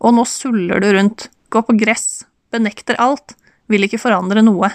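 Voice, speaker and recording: A woman's voice: medium pitch, fairly even intonation, no room sound, natural voice. A woman reading the part of an insistent woman who presses a man she once loved, in an audiobook. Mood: pressing. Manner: pleading, pressing. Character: insistent, concerned woman confronting an old flame.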